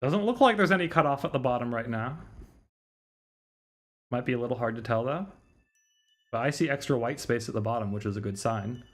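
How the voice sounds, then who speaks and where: With lively intonation and a fairly bright, mid-range voice, this streamer speaks a little fast but pauses often. He's livestreaming a visual novel to background music, casually thinking out loud about a problem in slangy, mildly sweary speech.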